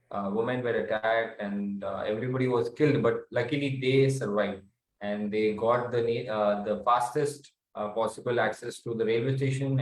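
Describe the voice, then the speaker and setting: A man from South India with an Indian accent, answering interview questions earnestly with many fillers and pauses. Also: fairly low pitch. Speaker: guest author and researcher. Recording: roomy echo.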